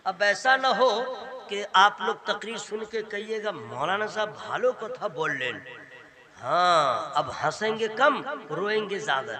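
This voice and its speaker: A man preaching at a public religious gathering, swinging between soft joking asides and loud shouted preaching, teasing the crowd for responses. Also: high voice. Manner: humorous, teasing the audience and coaxing responses. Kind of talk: Islamic sermon at a public gathering. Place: open-air religious gathering.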